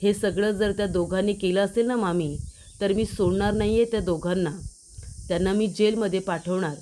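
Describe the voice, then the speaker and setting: A woman's voice: medium pitch, fairly even intonation, normal speed, mellow, a little hiss or hum, natural voice. A woman voicing a worried but determined young wife in a retold TV drama. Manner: earnest, firm.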